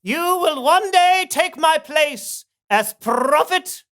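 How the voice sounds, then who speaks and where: Elijah, an earnest prophet. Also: female voice, high voice, animated, fairly bright tone, exaggerated voice. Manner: formal, earnest, slow proclamations.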